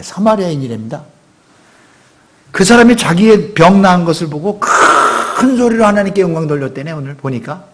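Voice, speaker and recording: A middle-aged man preaching a sermon as pastor, talking conversationally and acting out quotes with sudden loud outbursts. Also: fairly high pitch, slight background noise. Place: church sanctuary.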